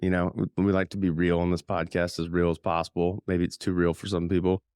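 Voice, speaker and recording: A man hosting a podcast, talking in a chatty, rambling way with lots of fillers. His voice is a bit hoarse from a cold. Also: deep voice, little pitch movement, fairly quick, darkish tone, no room sound, studio quality. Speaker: podcast host.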